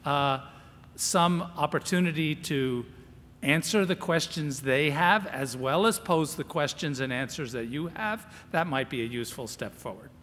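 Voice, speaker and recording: Bright-voiced man giving a measured panel answer. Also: a little high. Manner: hesitant start, measured and reasoned. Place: large conference hall. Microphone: table microphone. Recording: reverberant conference hall.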